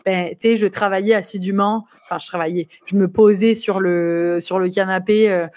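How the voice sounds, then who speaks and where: A woman's voice: mid-range voice, normal speed. Chatty French woman, slight Quebec lilt. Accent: French with a light Quebec touch. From France. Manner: lively, chatty, many fillers. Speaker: guest. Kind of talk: casual interview chat. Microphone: computer for a live online interview.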